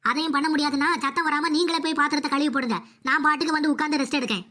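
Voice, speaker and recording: A woman's voice: high-pitched, fairly even intonation, very fast, sharp tone. A woman voicing a defiant, cheeky young daughter-in-law in a cartoon comedy. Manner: sassy, talks back.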